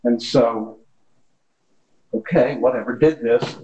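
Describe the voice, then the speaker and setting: A man relaxed in telling a parable during a church Bible study discussion in a meeting room. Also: mid-range voice, slow, reverberant, lo-fi sound. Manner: relaxed storytelling with quoted dialogue. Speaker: class member.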